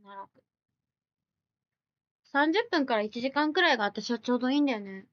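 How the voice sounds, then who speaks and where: A woman's voice: high voice, lively intonation, no room sound, highs cut off. A woman live streamer chatting casually, reading viewer comments aloud and firing back blunt, teasing retorts. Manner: blunt, teasing retorts mixed with quick questions.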